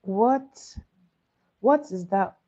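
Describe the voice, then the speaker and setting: A woman's voice: mid-range voice, extremely slow, dark tone, dull audio. A woman from Nigeria, sleepily hosting a live trivia stream and patiently repeating each question for her viewers. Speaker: livestream quiz host.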